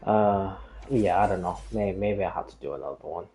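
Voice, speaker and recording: Over background music, a man with a low, dark voice chats casually at a moderate pace as a game streamer. He rambles and hesitates, often trailing off and drifting onto tangents.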